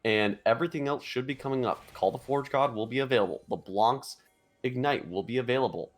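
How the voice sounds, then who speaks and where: Excitable male esports play-by-play caster. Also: brisk. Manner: excitable, pitch jumps high in big fights. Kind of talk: play-by-play commentary.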